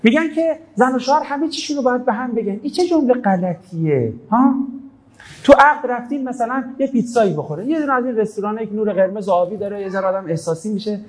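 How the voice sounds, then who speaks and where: A man's voice: sits high, poor audio. A man giving a religious talk, telling stories in a conversational way and quoting scripture. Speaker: preacher.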